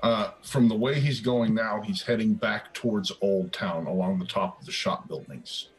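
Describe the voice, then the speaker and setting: A man's voice: lowish voice, normal speed, slight background noise, poor audio. A man narrating as dungeon master in a casual, chatty way, humming little tunes and often restarting his phrases. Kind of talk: narrating a tabletop game.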